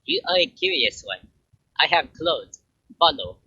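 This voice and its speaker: Man doing a childlike woman killer, broken English, halting simple phrasing, raised voice, husky. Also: a little high, huge pitch swings, pushed and bright, no echo, voice pushed up, exaggerated voice. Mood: playful. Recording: dull lo-fi recording.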